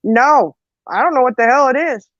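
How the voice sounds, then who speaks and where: A woman co-host in a casual chat, telling a story in an animated way and acting out the quotes, on a dull lo-fi recording. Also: high voice, moderate pace, dry recording. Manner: animated, acts out quotes, laughs often.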